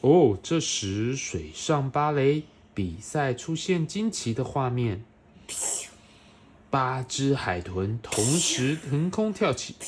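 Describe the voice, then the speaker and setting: A woman's voice: very deep voice, darkish tone, a little hiss or hum. A woman reading a picture book aloud to a toddler, expressively, with questions and playful sound effects. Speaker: storyteller reading a picture book to a young child. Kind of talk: animated read-aloud to a toddler.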